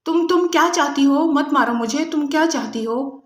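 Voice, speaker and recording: A woman's voice: high-pitched, reverberant, voice pushed up, natural voice. A woman voicing a terrified captive woman who stammers and begs for mercy under torture. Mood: pleading terror. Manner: halting, pleading, stammering.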